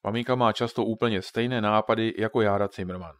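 A man's voice: on the low side, steady tone, dry recording, clean studio sound, lightly acted. A man voicing a joking father who patiently explains things to his children in a storybook reading. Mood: jokey explaining.

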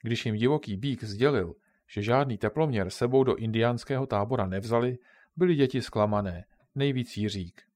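A man reads a children's story aloud at an even, unhurried pace. His voice sits at an ordinary middle pitch and keeps a calm, steady storytelling manner. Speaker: narrator.

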